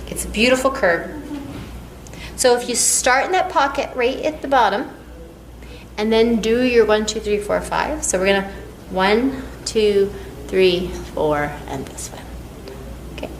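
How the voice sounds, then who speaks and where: A woman's voice: on the high side, slight background noise. A woman teaching massage technique to a class, counting out strokes and cheering the students on. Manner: counts out strokes, encouraging and upbeat. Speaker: massage instructor. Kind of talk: hands-on teaching demonstration. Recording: echoey room, faint background.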